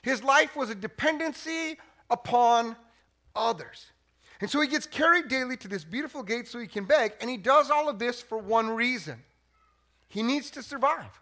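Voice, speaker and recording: A man's voice: extremely high pitch, lively intonation, moderate pace, pushed and bright. A man preaching a sermon as pastor, conversational and joking, often repeating words as he restarts.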